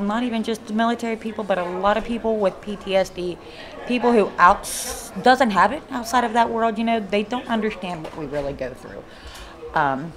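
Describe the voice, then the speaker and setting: With crowd chatter behind her at a live haunted hotel event, a Kentucky-accented guest paranormal investigator, a middle-aged woman, chats in a casual interview. She rambles, restarting often and filling her speech with fillers, in a mid-range voice.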